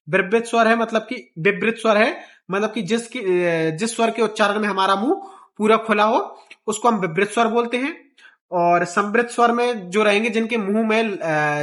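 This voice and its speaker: A man's voice: high-pitched, a bit bright. A male teacher explaining the alphabet for exam students, repeating vowel sounds aloud in a sing-song drill. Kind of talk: exam-prep lesson.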